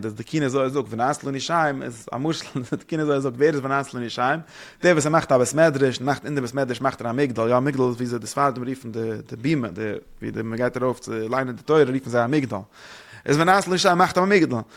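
A man leads a religious lesson at a brisk clip. His voice sits at a middle pitch. He rambles and keeps asking his listeners rhetorical questions. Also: a bit bright. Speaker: religious teacher.

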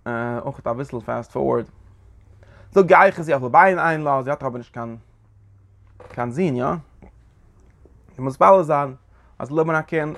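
A man teaching a Zohar lesson in an animated lecturing way, often asking his listeners short questions. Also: on the high side. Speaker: Torah teacher.

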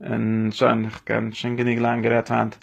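Man teacher, quick rambling lesson delivery, mid pitch, lots of restarts and repeats. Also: completely flat delivery, vocal fry, breathy edge. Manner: mixes Yiddish with English and Hebrew terms. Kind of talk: spoken Torah lesson.

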